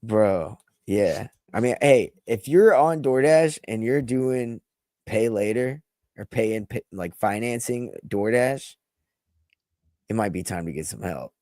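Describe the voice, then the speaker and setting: Animated, swearing young man, dry mic. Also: unhurried, no room sound. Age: 20s. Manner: animated, swears a lot, laughs, jumps in pitch when riled up. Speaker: podcast co-host. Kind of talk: casual profane chat.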